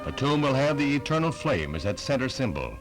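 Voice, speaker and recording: A man's voice: mid-range voice, big pitch swings, a little fast, loud music behind the voice. A man narrating a 1960s newsreel with a solemn, stately delivery.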